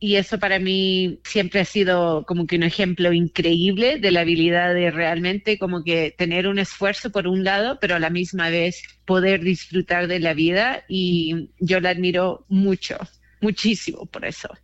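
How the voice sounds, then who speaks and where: A woman's voice: fairly low pitch, steady tone, moderate pace, slight background noise. A woman in her forties from Chile, reflecting on her life in a personal interview with many fillers. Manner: reflective, uses many fillers like "como que". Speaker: interview guest, community organizer. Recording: slightly dull, lo-fi sound.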